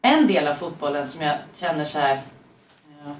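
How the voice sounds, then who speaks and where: A woman's voice: deep voice, animated. A woman chatting casually as a podcast guest, talking at length with many fillers and asides. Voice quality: talkative, digressive with many fillers. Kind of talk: casual chat. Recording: roomy and distant with faint noise.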